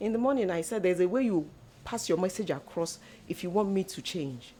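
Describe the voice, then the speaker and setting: Casting: middle-aged woman, exhorting church-mother tone, lowish voice, faint hiss. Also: expressive, a little fast, warm tone. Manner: earnest, exhorting, mixes in local slang. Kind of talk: faith-based advice talk.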